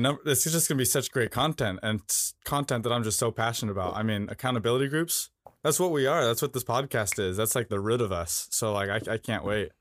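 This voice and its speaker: Rambling, excitable man co-host. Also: mid-range voice, no room sound, clean studio sound. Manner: rambling, filler-heavy, excitable. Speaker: podcast co-host. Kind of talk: casual podcast chat.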